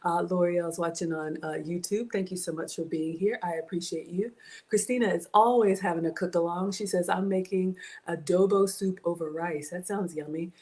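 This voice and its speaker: A woman born in Ghana and raised in the American South hosts a casual cooking livestream from her home kitchen, reading viewer comments aloud and chatting warmly, thanking supporters and saying "y'all." Her voice is on the low side, with fairly even intonation and a moderate pace.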